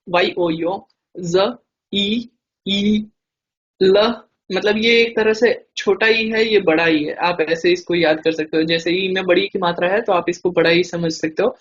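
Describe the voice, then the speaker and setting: Patient male language teacher, lo-fi. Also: high-pitched. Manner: patient, explanatory, frequent hesitation fillers. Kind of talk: online class explanation.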